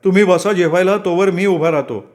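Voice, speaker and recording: A man's voice: sits high, brisk, a little mellow, pitched above the performer's own voice, lightly acted. A man voicing a tense young man in a told story, urgent and blunt. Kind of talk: dramatic storytelling.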